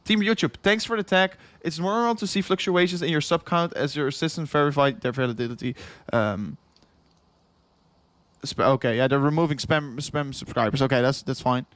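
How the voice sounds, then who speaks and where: Fairly high-pitched and a bit bright, this young Dutch-accented streamer talks at a moderate pace with a dry, close sound and no room echo. Exhausted after hours on stream, he keeps up casual chat that rambles and repeats, with frequent chuckles and chat messages read aloud.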